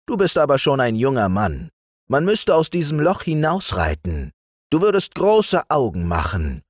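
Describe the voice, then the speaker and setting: A man reading aloud voices a smooth-talking male sorcerer who flatters and tempts. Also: fairly high pitch, moderate pace, no echo, studio quality, voice pushed up. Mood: coaxing. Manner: persuasive, bowing and flattering.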